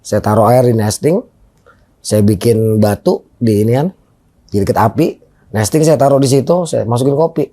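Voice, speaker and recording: Middle-aged man, dark voice. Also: mid-range voice, moderate pace. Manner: animated, re-enacts dialogue in his story. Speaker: guest storyteller. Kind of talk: casual spoken anecdote.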